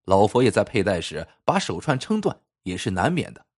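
A composed master jade carver, as a storyteller puts him on, his voice dropped deep and husky. He explains patiently and confidently, unhurried. A storybook artisan with quiet authority. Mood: calm. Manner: calm, measured.

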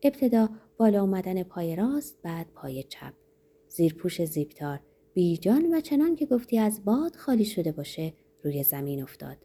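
Brief: woman audiobook narrator, mellow husky voice, dramatic read. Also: on the low side, very animated. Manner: dramatic, varied delivery.

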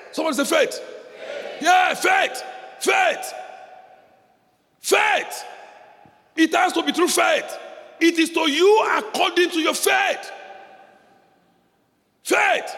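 A pastor preaching a sermon with passion, repeating phrases and leading the congregation in call-and-response. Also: male voice, very high-pitched, slow pace, long pauses, bright, forceful tone, shouting. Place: church hall. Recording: reverberant hall with faint background noise.

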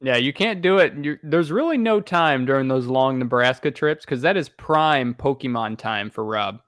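Lively, playful male podcast host. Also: mid-range voice, normal speed, no room sound, studio quality. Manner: playful, laughs a lot, does announcer bits. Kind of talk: casual chat.

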